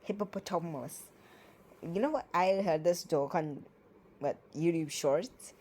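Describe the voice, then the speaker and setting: A woman's voice: on the low side, measured pace, a little mellow, rough recording. A woman reading poems aloud and reviewing them in casual commentary, with sarcastic, playful, ranting asides. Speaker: poetry reviewer.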